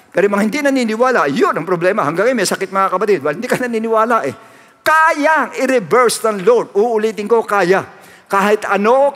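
A male pastor delivers a sermon in a very high voice, pressing his points through emphatic repetition and dropping into English phrases. His tone is bright and forward. The sound echoes with a long reverb, as in a large hall. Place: church hall.

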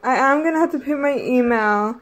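A woman, talking casually to the camera in a vlog, excitable and gushing. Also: high voice, brisk. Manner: excitable, gushing, with gasps and laughter. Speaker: vlogger.

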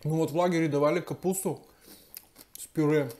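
A man's voice: fairly high pitch, fairly even intonation, brisk, dark tone. A middle-aged man chatting casually to his viewers while chewing his food at home. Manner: homely, chatty, addresses viewers directly. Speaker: mukbang vlogger. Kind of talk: casual chat to subscribers while eating. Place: indoors at home, eating at a table.

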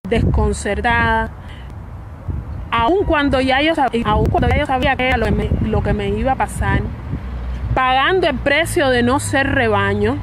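A young woman with a Cuban accent, giving an emotional personal statement to camera outdoors, halting and repeating her words. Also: on the high side, background noise. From Cuba. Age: young adult. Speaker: fired state worker speaking out.

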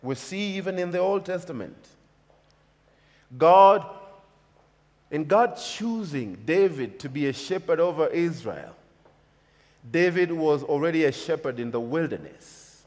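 Speaking a little high and a little mellow, a Kenyan man in his thirties preaches with animation at a measured pace, pausing often. The pastor's sermon rolls out in emphatic, repetitive phrases from a church pulpit on a stage with a large hall, captured with long hall reverb.

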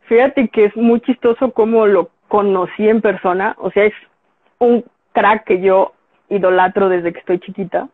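A woman's voice: medium pitch, moderate pace. A woman with a Mexican Spanish accent, a graphic designer being interviewed, telling a story casually and acting out the dialogue she quotes. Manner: animated storyteller who acts out quoted dialogue. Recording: tinny phone-like, dry sound.

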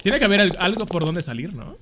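A man's voice: high-pitched, big pitch swings, brisk, sharp tone, a little hiss or hum. A young man commenting casually and jokingly as he plays a horror game, breaking into panicked screams at scares. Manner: chatty, jokey, screams in panic. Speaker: gameplay commentator.

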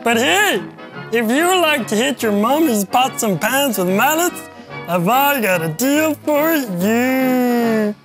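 A man's voice: extremely high pitch, lively intonation, slow pace, music in the background, voice pushed up, exaggerated voice. A man voicing a cheerful small male frog puppet who talks chirpily to kids. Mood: cheery.

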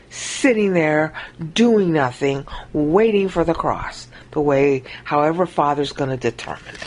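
Over a screen recording, a woman gives an informal Bible teaching monologue, acting out quoted lines with big pitch jumps. Her tone is darkish, with slight background noise.

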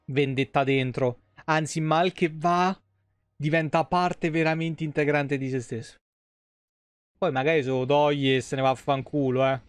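The young adult live streamer sounds a little high yet clear and resonant, talking at a normal speed with no echo. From his small room at home, he delivers foul-mouthed commentary, reacting animatedly to the game and chat.

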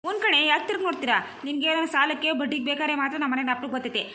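In a cartoon comedy, a woman plays a furious, quarrelsome homeowner who scolds her neighbours and shouts curses at them. Her voice is on the high side, steady in tone and quick, with light acting. There's a bit of background noise.

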